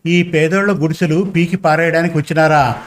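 A man's voice: a little high, fairly even intonation, a little fast, lightly acted. A man voicing a grieving village mother. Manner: scolding, pleading village talk. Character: poor village woman, a grieving, anxious mother.

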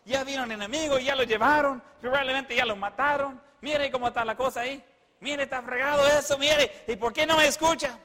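A preacher doing a fretful, scolding wife, her voice pitched up high and bright as she frets and complains. The voice rings out through a large hall with a long echo. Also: fairly even intonation, a little fast. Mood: scolding, worried. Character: fretful tearful wife Sara.

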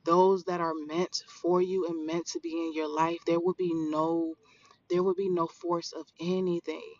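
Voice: mid-range voice, little pitch movement, a little slow, no echo, lo-fi sound. A podcast host in their thirties giving an earnest, emphatic motivational spiritual talk straight to listeners. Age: 30s.

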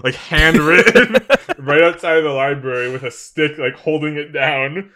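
A man's voice: on the high side, normal speed, pushed and bright. A young man co-hosting a podcast in casual chat, laughing often and swearing freely. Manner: giggly, swears casually, says "like" and "dude" a lot. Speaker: podcast co-host.

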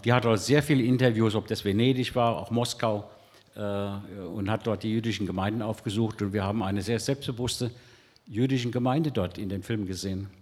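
Low-voiced older man, hall reverb. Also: steady tone, darkish tone. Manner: halting, many fillers. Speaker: audience member. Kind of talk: audience question.

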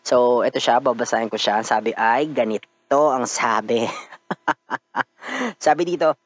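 A man's voice: medium pitch, expressive, a little slow, no room sound. A man with a Filipino accent hosting a podcast in casual chat, a bit stuffy from a cold, laughing often and mixing in English. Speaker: podcast host.

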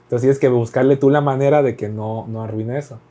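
Mellow-voiced Mexican man telling stories. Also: mid-range voice, brisk. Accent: Mexican Spanish. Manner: animated storytelling, acts out dialogue, swears freely. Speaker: podcast talker recounting delivery work. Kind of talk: casual podcast chat.

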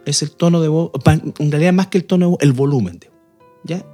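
A married man talks through his views on marriage in a casual discussion, earnest and patient, circling back to repeat himself. His voice is mellow and fairly high for a man, with faint music underneath. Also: fast. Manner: earnest, explaining at length with many restarts.

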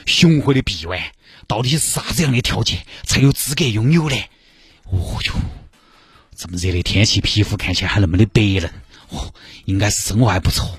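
A man with a Sichuanese accent telling a comic story in an animated way, full of exclamations. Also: lowish voice, breathy edge, no echo.

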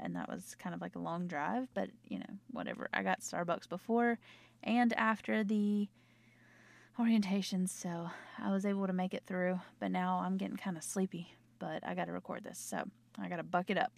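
A young woman with a North Carolina Southern accent, chatting casually and rambling, her voice slightly hoarse. She is a nurse talking into her own microphone in a small closet at home. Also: fairly low pitch, normal speed. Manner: rambling, chatty, self-interrupting. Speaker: nurse and podcaster. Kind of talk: casual late-night chat.

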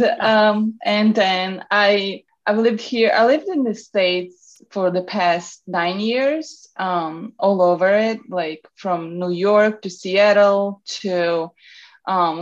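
Slow-talking woman with a Serbian accent. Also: lowish voice, muffled recording. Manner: relaxed and chatty, with many ums and restarts. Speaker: guest. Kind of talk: casual interview chat.

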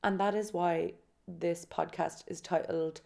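In an unhurried, creaky, mellow voice that sits lowish and steady, a woman in her late twenties or around thirty hosts a solo podcast. She shares personal stories candidly, with self-deprecating jokes and moments of dramatic emphasis.

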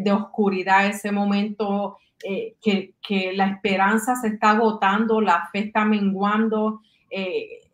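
A woman co-hosting a faith podcast, speaking gently and empathetically, searching for her words. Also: a little high, reverberant. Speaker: co-host. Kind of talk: conversational interview.

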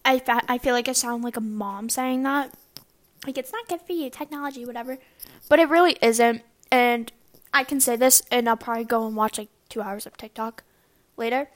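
A woman's voice: a little high, steady tone, moderate pace. A young woman student chatting casually to camera, rambling with lots of fillers and restarts. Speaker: student vlogger.

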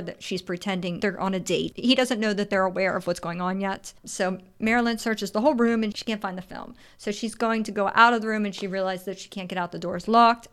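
A woman podcast host chatting casually, retelling a film's scenes in an animated way and laughing often. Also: mid-range voice, clean tone. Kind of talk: casual film podcast chat.

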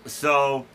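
A podcast host with a bright, forward voice at average pitch tells a long, self-deprecating story about himself in a casual way. He rambles, chuckles, and keeps restarting sentences amid plenty of fillers, with slight background noise underneath.

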